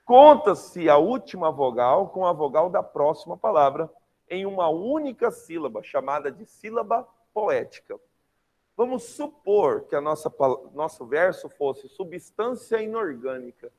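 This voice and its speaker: With a slightly high voice and a slightly slow pace, a young adult man with a Brazilian Portuguese accent runs a lively, slangy online class. He often checks in with his students.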